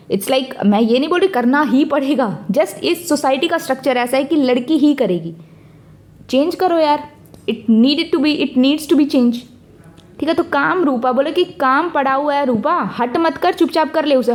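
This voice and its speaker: A young woman teaching exam current affairs in a casual, chatty way, mixing English words into her talk and speaking straight to her students. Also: high voice. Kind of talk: casual lesson with memory tricks.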